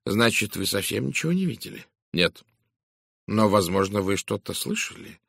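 A man voicing a fussy, shrewd middle-aged Belgian detective who speaks in a soft, measured, confiding way. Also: fairly low pitch, very animated, gravelly, dry recording, studio quality, heavily acted.

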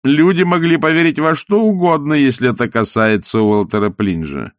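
A man's voice: medium pitch, big pitch swings, normal speed, no room sound, clean studio sound. A man voicing a scheming, mocking male opera villain who speaks in a sneering, theatrical, taunting way.

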